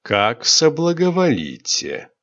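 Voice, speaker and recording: A man's voice: mid-range voice, very slow, sharp tone. A man voicing an old former minister and court intriguer, arrogant and grudgingly polite, in a slightly dull recording. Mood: haughty.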